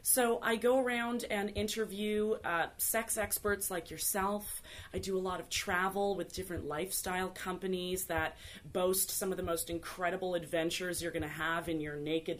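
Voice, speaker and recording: Bold, flirtatious woman guest. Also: on the low side. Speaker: guest, TV host. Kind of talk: casual interview chat.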